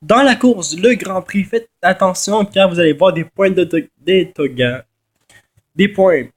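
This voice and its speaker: Slow, high-voiced, congested Québécois man. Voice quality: nasal from a blocked nose. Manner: halting, repeats and corrects himself. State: congested with a head cold. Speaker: gaming video host. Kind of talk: casual unscripted game tutorial.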